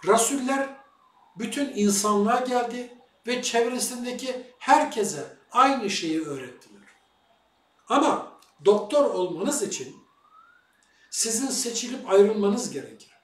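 A man's voice: extremely high pitch, expressive, a little slow. A man giving a lecture-style monologue as a religious commentator, posing rhetorical questions to his viewers. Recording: echoey room, far from the mic.

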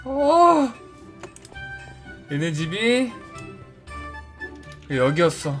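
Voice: mid-range voice, big pitch swings, drawn-out words. An actor playing a timid, gullible bullied schoolkid in a Minecraft skit, stammering and thinking aloud. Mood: grumbling. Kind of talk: acted Minecraft skit dialogue. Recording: music behind the voice.

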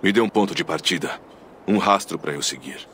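A stoic Viking warrior from a video game, with an extremely low voice. He is solemn and honourable, and faint noise sits behind him. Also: brisk, a bit bright. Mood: grave, measured. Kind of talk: dramatic video game dialogue.

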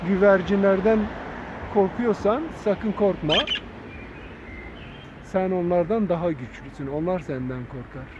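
Man, slow and gentle, coaxing a bird, outdoor vlog on a phone, dull audio, traffic noise behind. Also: high-pitched, steady tone. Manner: coaxing and affectionate toward a bird. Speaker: nature vlogger. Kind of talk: casual vlog narration. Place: outdoors in an urban garden.

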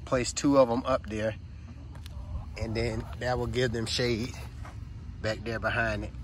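Shot on a handheld phone outdoors in his backyard garden, a homesteading vlogger gives a casual demonstration of how he keeps his chickens. He has a lowish voice, the background is noisy, and his explanation is plain, friendly and methodical for viewers.

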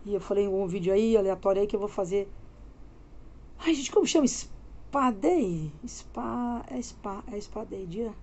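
Her mid-range voice is warm and unhurried, while the audio has its highs cut off and a little hiss or hum. She is a woman in her forties from Minas Gerais, Brazil, vlogging casually from bed with her phone close, chatting loosely in Minas-accented Brazilian Portuguese.

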